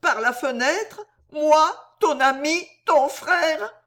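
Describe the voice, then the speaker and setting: A woman's voice: on the high side, very animated, measured pace, voice pushed up. A reader voicing a fat old drunkard man who whines, stammers and pleads tearfully. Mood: tearful pleading.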